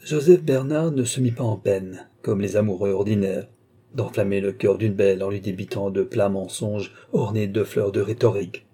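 A man giving a measured, even literary audiobook narration. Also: lowish voice, breathy edge. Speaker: audiobook reader.

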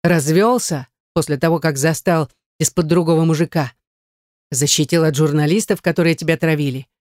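An audiobook reader voicing an angry ex-husband who speaks in gruff, sarcastic bursts. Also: male voice, a little high, steady tone, normal speed, a little mellow, no echo, clean studio sound, lightly acted. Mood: indignant. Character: angry wealthy ex-husband, hot-tempered, blunt. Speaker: audiobook character. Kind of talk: audiobook reading.

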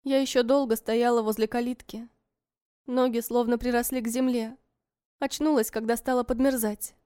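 A woman narrating a story in the first person, in a soft, measured and wistful way. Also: on the high side, steady tone, clear, resonant tone, no room sound, clean studio sound.

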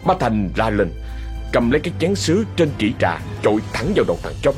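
A man narrating a scripted horror story in slow, ominous storytelling. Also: medium pitch, sing-song. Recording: narration over faint music.

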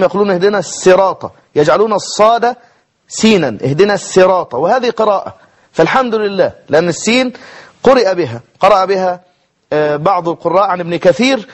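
High-voiced man teaching jurisprudence. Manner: explanatory, slows to model pronunciation. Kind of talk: televised religious lesson.

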